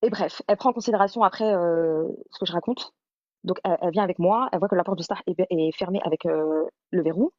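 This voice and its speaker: A woman's voice: fairly low pitch, fast talker, darkish tone, no room sound, muffled recording. A woman hosting a live stream, telling her own story in a rambling way, full of restarts and repeated words.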